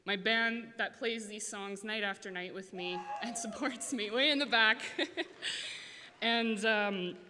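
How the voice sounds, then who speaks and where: A woman's voice: mid-range voice, takes it slowly, background noise. A woman from Alberta giving an emotional acceptance speech on stage, thankful and hesitant with many fillers. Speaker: award winner. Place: large event hall stage. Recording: reverberant hall.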